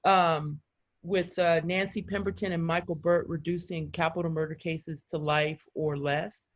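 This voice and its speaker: A woman's voice: low voice, fairly even intonation. Energized woman on a muffled video call. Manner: energized, talks fast with many fillers and quoted voices. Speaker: community organizer in a video call. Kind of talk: excited casual chat.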